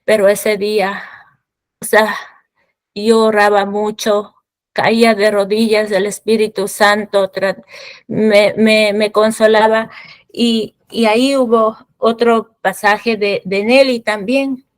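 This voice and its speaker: A woman giving a personal faith testimony, speaking in a halting, fervent way, often repeating words as she recalls her prayers. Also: medium pitch, little pitch movement, no room sound.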